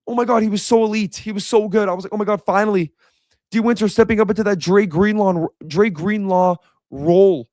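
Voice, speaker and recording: A man's voice: high-pitched, fairly quick, darkish tone, dry recording, clean studio sound. A young man giving a heated, blunt reaction rant as a sports commentator. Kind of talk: ranting reaction video.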